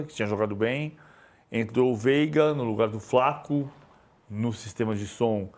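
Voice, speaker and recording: A Brazilian man gives studio football analysis in a rambling way, stumbling over repeated words as he works out each thought. His voice sits at an ordinary middle pitch. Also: darkish tone. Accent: Brazilian Portuguese. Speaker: sports commentator. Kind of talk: studio sports debate.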